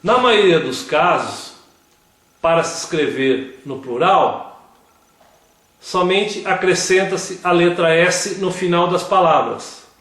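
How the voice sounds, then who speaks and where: A man giving a slow scripted grammar lesson, reading word examples one at a time. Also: high-pitched, fairly bright tone. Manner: reads word lists one by one. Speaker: grammar teacher. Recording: very echoey room.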